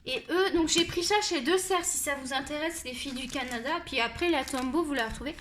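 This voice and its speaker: A woman with a high, shrill voice who talks loudly and at length, chatting her way through a colored-pencil tutorial. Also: a little fast, slight background noise. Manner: loud, talkative and animated. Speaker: colouring tutorial host.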